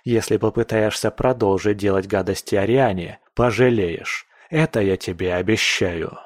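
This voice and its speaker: A man's voice: on the low side, normal speed, dry recording, studio quality, close to an everyday voice. A man voicing a stern aristocratic lord in an audiobook, curt and threatening. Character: stern, cold aristocratic male lord and newspaper owner. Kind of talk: audiobook character voice.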